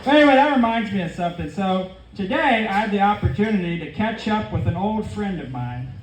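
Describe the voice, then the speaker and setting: A man doing deadpan stand-up storytelling with conversational asides to the crowd, at a comedy venue. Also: high voice, fairly quick. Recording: echoey room, distant mic, faint ambience.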